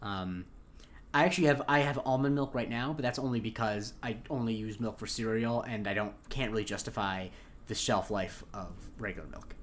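A man's voice: lowish voice, a little fast, a little hiss or hum. A man co-hosting a podcast, recapping an episode in rambling casual chat. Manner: rambling, many fillers and restarts. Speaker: podcast co-host.

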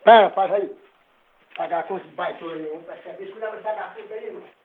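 Fast, scolding man on a tinny phone line. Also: high voice, very noisy. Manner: scolding, exasperated. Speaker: prank call target.

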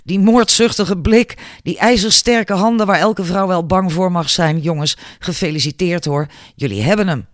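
A man's voice: sits high, lively intonation, moderate pace, dry recording, clean studio sound. A man voicing feisty, mocking young woman Mary. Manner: sarcastic, scolding.

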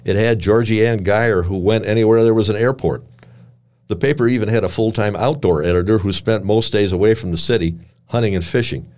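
An older man reading his own memoir aloud with measured, dry and wry storytelling. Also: on the low side, a little mellow.

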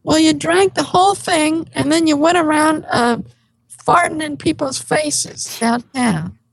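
Woman doing a formant-shifted, high, pleading grown kid. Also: unhurried, vocal fry, long reverb tail, rough recording. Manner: pleading, scolding. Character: exasperated grown child scolding her mother. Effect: formant shifted up, higher voice.

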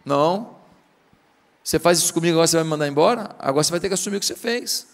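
A Brazilian pastor voicing a wronged young woman, pleading in a low, quiet tone, in a reverberant hall. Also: lively intonation, racing. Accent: Brazilian Portuguese.

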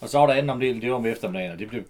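A man's voice: mid-range voice, darkish tone. A man chatting casually about an old film, explaining background details at length.

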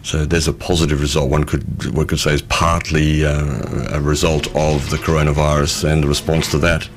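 A man's voice: rumbling low, level tone, moderate pace, a little hiss or hum. A man co-hosting a radio discussion, putting questions and musing in a hesitant, conversational way. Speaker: radio show co-host.

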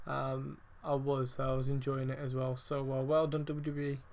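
A man hosting a casual wrestling review podcast, rambling with lots of fillers, swearing heavily and getting excitable and emphatic. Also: mid-range voice, normal speed, gravelly. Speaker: podcast host.

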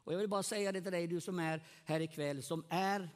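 A middle-aged male pastor preaching to a congregation in a meeting hall, animated, swinging between loud and soft and asking the listeners questions. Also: high-pitched. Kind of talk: evangelistic sermon. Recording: long hall reverb.

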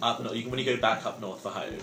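A man's voice: medium pitch, quick pace, sharp tone, reverberant, slight background noise. Polished young male radio host. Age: young adult. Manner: polished, announcer-like, teasing. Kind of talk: casual radio chat. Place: student radio studio.

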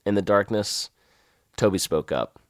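A man with a Southern accent narrating his own adventure in a wry, lively first-person storytelling manner. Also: fairly low pitch, a little slow, dry recording, studio quality.

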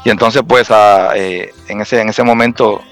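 A man's voice: lowish voice, fairly even intonation, measured pace, a bit bright, faint music behind. A Puerto Rican man telling stories in casual chat, full of fillers and restarts. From Puerto Rico. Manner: storytelling with many fillers and restarts. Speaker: guest.

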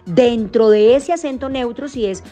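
Woman, young adult, from Colombia, voice actor, interview, frequent restarts, warm tone. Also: fairly high pitch, moderate pace, dull audio, soft background music. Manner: thoughtful, many restarts and fillers. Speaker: voice actor and singer. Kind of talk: interview answers.

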